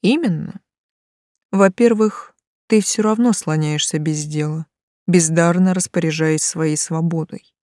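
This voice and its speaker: A woman voicing a calm, stern male angel of death who speaks slowly and levelly, with a mocking edge. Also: on the low side, no echo, studio quality, lightly acted. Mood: blunt.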